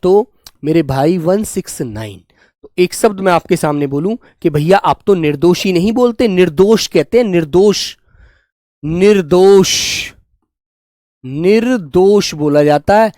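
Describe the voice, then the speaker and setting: With lively intonation, a young man teaches Hindi spelling in a live online class. His voice is high and light yet a bit darkish, captured dry and near the microphone. He treats his pupils fondly, calling them "beta" and "my children," and slowly drills each word again and again.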